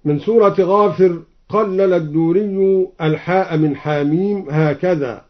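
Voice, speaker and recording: Slow high-voiced man teaching Quran reading. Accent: Egyptian. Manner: explains in plain speech, then chants the examples slowly. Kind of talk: explaining and demonstrating Quran recitation. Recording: dull old radio broadcast.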